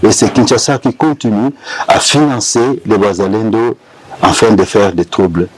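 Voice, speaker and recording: A man speaking as a rebel group spokesperson in a press interview, halting with many hesitations. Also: fairly low pitch, background noise.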